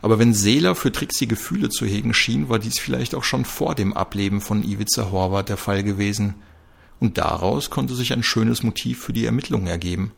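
A man reading a crime story aloud in a calm, measured way. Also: fairly low pitch, vocal fry, slightly rough. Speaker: audiobook narrator.

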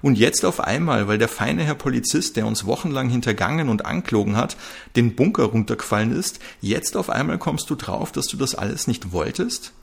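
A man voicing a furious, cornered young woman who shouts and sneers crudely. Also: mid-range voice, expressive, moderate pace, vocal fry, husky. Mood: sneering.

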